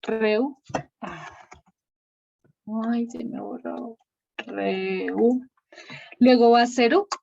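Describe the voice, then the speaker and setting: A woman teaches a Bible class over a video call, thinking aloud as she writes names on a shared screen. Her fairly high, mellow voice has fairly even intonation, vocal fry, very slow pacing and long pauses. Her computer mic yields dull, lo-fi call audio.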